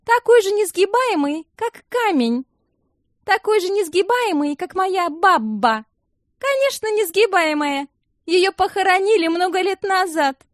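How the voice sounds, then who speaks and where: A woman's voice: expressive, unhurried, no room sound, clean studio sound. A woman reading an audiobook, voicing an older aunt who shrieks sarcastic rebukes across a bus. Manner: shrill, indignant, sarcastic. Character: shrill scolding older aunt.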